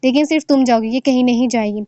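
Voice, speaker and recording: A woman's voice: a little high, quick pace, dark tone, no echo, muffled recording, natural voice. A woman doing a cold, curt young man.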